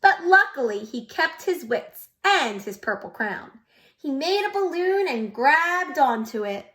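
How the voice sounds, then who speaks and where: This woman's voice sits high. She's a preschool teacher sharing a picture book with young children, reading expressively and pausing to ask them questions.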